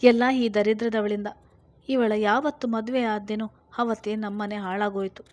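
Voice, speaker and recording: A woman's voice: medium pitch, steady tone, moderate pace, dry recording, natural voice. A woman voicing a furious drunken father. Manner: shouting, insulting. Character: angry drunken middle-aged father.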